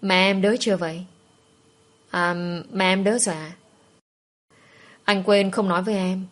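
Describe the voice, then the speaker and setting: A woman voicing a caring young man who speaks gently and reassuringly. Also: medium pitch, steady tone, unhurried, natural voice.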